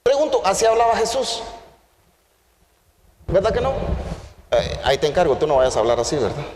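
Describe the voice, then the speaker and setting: A man's voice: high-pitched, sing-song, normal speed, a little mellow. A male preacher giving a sermon, who keeps asking the congregation questions, recorded in an echoey church hall with faint background noise.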